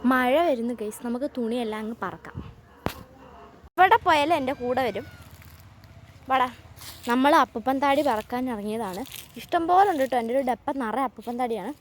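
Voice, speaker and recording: Chatty higher-voiced woman vlogging outdoors. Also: animated, fairly quick. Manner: chatty, addresses viewers as guys. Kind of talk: casual vlog walkthrough. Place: outdoors around a rural home garden. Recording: faint outdoor background noise.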